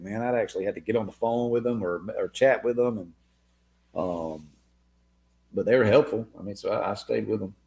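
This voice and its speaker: On a laid-back live Q&A stream, a man responds to viewer comments and calls his listeners "man" and "dude." His voice sits on the low side and is creaky and a little mellow, and it is wearing thin as he loses it.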